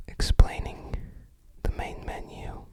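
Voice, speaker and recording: In this ASMR clip, the creator whispers a leisurely, thoughtful commentary, a bit tentative, while displaying items for the viewer.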